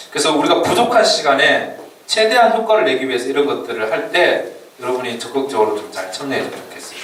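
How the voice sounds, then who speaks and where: A man's voice: medium pitch, fairly bright tone. Man lecturing in an echoey hall. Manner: chatty, laughs often, leans on fillers while explaining. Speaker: church youth mission trip trainer. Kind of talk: informal orientation lecture. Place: church meeting room or hall. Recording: echoey hall from far off, faint room noise.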